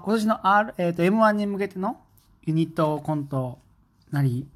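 A man talking casually on his own as a fan, rambling with many fillers and enthusiasm. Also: on the high side. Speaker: podcast host. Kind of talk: casual solo talk.

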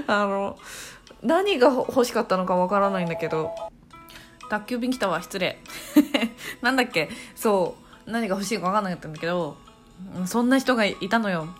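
An animated woman around thirty hosts a casual podcast, recounting a story at home. Her pitch swings up and down expressively as she talks, and laughs break in often. Soft music plays quietly underneath. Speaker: podcast host.

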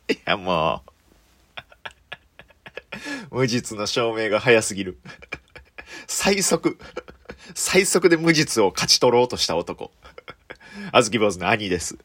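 A man with a Kansai accent, a comedian telling a story on his solo radio talk, lively with sound effects and frequent laughter. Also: medium pitch, no room sound. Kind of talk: casual solo radio chat.

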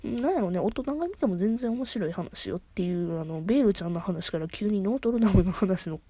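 A woman with a Kansai accent chatting excitedly on her solo podcast, often restarting her sentences. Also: medium pitch, fairly quick, husky, no echo. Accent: Kansai Japanese. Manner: chatty, excitable fan talk full of restarts. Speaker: podcast host. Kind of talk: casual solo podcast chat.

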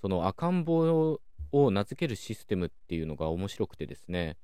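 A man hosting a calm solo talk show, explaining things in a measured way with many soft fillers. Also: deep voice, clear, resonant tone, no room sound, clean studio sound. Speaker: podcast host.

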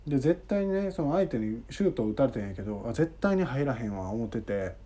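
With a mellow, medium-pitched voice, a man in his thirties speaks quickly and very animatedly on his own podcast. He has a Kansai Japanese accent and tells a rambling, chatty story from his school days, repeating himself while remembering.

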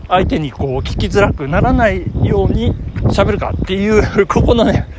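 A man's voice: high-pitched, animated, moderate pace. A man hosting a casual solo podcast while running outdoors, speaking politely and chattily with controlled breathing as he handles listener mail. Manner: polite, chatty delivery with exclamations. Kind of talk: casual solo chat recorded on the move. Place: outdoors on the move along a road. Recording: windy outdoor recording with traffic noise.

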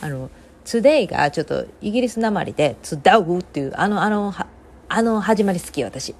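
A woman's voice: mid-range voice, lively intonation, fast talker, a little mellow. A woman with a Kansai accent, hosting a casual solo talk segment, rambling and giving her opinions freely with many fillers. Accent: Kansai Japanese.

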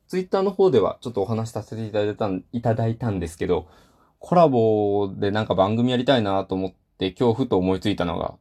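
A man hosts his own solo talk show in a loose, rambling way, full of fillers and small self-deprecating asides. His voice sits a little low. He sounds like he is talking into a home podcast mic. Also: dark tone. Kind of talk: casual solo chat.

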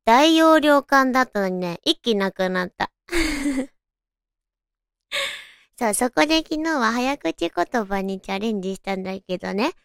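A woman's voice: a little high, expressive, measured pace, creaky, pauses often, clean tone, no room sound, clean studio sound. A woman with a naturally cute anime-girl voice, hosting a casual solo radio chat in a playful, girlish manner. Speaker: radio show host.

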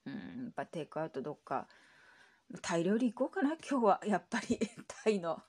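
A woman's voice: sing-song, fairly quick, a little mellow, slightly rough. A Japanese-born woman podcaster telling anecdotes in a casual solo chat, with lots of fillers. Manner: chatty storytelling with many fillers; acts out quoted voices in a raised pitch.

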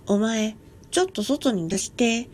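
A woman voicing a blunt, unflappable male store coworker with casual, rough speech in a ghost story reading. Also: fairly high pitch, lively intonation, unhurried, darkish tone. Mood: gruff, matter-of-fact.

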